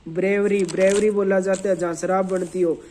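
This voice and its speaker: A male teacher runs a brisk revision drill in a fairly high voice. He repeats each word list several times and poses questions he then answers himself. He spells out English words letter by letter. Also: flat delivery, dark tone, a little hiss or hum. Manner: drilling word lists by repetition, asking and answering his own questions. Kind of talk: exam revision lesson.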